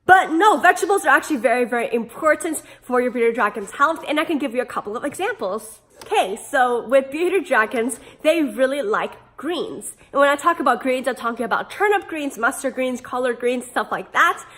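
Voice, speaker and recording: A woman presents a casual how-to pet video in a high voice. She sounds sick and hoarse, with a smoker's rasp, and keeps her delivery playful and animated. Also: fairly quick, few pauses. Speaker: pet care video host. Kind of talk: casual instructional vlog.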